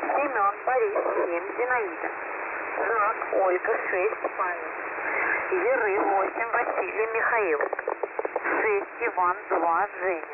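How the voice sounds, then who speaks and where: A radio operator speaks over a crackling radio link, reading out names and numbers one at a time. The pace is slow and measured, and the pitch rises and falls a lot from word to word. The sound is thin and phone-like, with loud static behind it. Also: sing-song. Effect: heard over a radio transmission. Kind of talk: reading coded call-outs over the air. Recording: tinny, noisy radio transmission.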